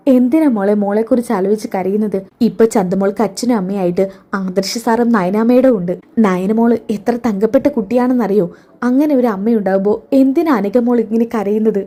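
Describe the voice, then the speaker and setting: A woman's voice: mid-range voice, brisk, mellow, close to an everyday voice. A woman voicing an older housemaid who frets and speaks with motherly affection. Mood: worried. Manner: fussing, affectionate, calls her "child".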